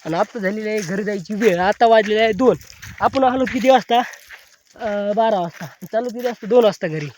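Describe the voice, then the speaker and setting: A man's voice: high-pitched, fairly quick, darkish tone, a little hiss or hum. A young man vlogging from a farm field, chatting in a rambling, repetitive way while nursing a cold. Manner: chatty, rambling, repeats himself. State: has a cold. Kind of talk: casual farm vlog chat.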